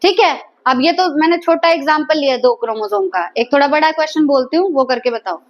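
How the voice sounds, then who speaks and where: Woman, biology teacher, high voice, classroom lecture, asks and repeats answers. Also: animated, a little fast, dull audio.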